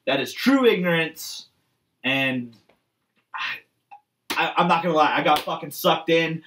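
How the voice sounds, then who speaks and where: Podcast co-host, man about thirty from Massachusetts, exasperated ranting delivery, mildly high voice. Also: unhurried, fairly bright tone, far from the mic, a little hiss or hum. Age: late 20s to early 30s. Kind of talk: casual profane chat.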